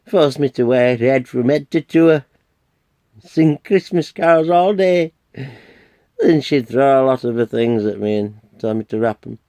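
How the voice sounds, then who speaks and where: A man's voice: a little high, a little mellow. A man playing a henpecked, emotional, jokey old Santa Claus in a comic radio play, with a Northern English accent.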